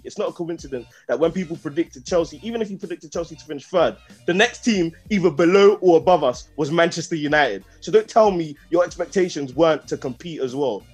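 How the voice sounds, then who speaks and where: A man's voice: a little high, husky. A young man with a London street accent and slang, arguing insistently in a heated football debate, repeating himself and cutting in. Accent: London, urban street slang. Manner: argumentative, insistent, repetitive, interrupting.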